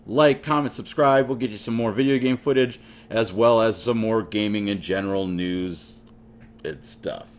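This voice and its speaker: A man's voice: lowish voice, moderate pace. Jokey man hosting a hobby vlog. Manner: playful, jokey, talks straight to viewers. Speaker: channel host. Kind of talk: casual hobby vlog talk.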